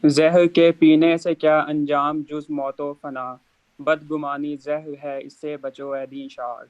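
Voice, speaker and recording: A man's voice: on the high side, flat delivery, a little mellow, no room sound, dull audio. A man reciting a verse in a poetry contest, his audio cutting out on the call line.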